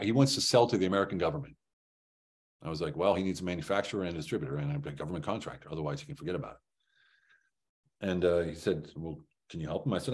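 A low-voiced, middle-aged man from Germany works as a business trainer and tells business stories with animated energy, acting out the dialogue and dropping punchy rhetorical questions. The talk is motivational training laced with anecdotes. It's recorded through a video call microphone as he speaks from an indoor room on a group call.

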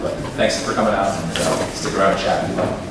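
A man from Minnesota giving a live poetry reading to an audience in a university room, measured in the poems and wry and offhand in the asides between them. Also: low-pitched, fairly even intonation. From Minnesota, USA. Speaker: poet. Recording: echoey room, distant mic, background noise.

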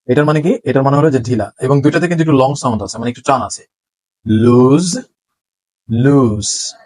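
A man teaching English pronunciation in a lesson, saying each word slowly and clearly twice so learners can repeat it. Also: mid-range voice, darkish tone, poor audio. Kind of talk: spoken language lesson.

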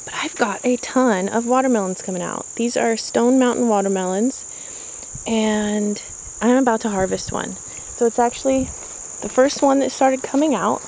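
Speaking at a moderate pace with vocal fry, a fairly high pitch and a slightly mellow tone, a middle-aged gardening vlogger gives a casual, upbeat tour of her backyard while working, talking into a handheld camera. The rough camera-mic recording has slight background noise and faint crickets and insects.

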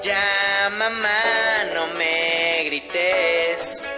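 A woman's voice: lowish voice, fairly even intonation, drawn-out words. A woman singing a children's song in the voice of a scolded child pleading with her mother, in a sing-song way. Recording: song track with loud music. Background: loud music.

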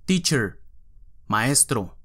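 A man teaching vocabulary, reading words one at a time with clear, careful pronunciation and pauses between them. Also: mid-range voice, sing-song, fairly bright tone. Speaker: English teacher.

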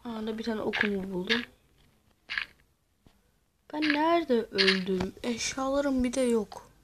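Woman, gamer, casual let's-play commentary, swears freely, yells at game monsters, fairly high voice, noisy recording. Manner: swears a lot and scolds the game's creatures; excitable, quick bursts of loud shouting.

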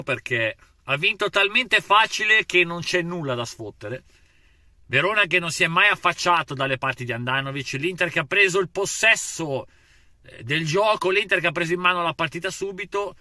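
Sharp, high-pitched exasperated man. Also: animated, moderate pace, no echo, clean studio sound. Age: 30s. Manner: emphatic, exasperated, exhorting. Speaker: football fan vlogger. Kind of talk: casual football rant. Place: inside a parked car. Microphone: phone at arm's length.

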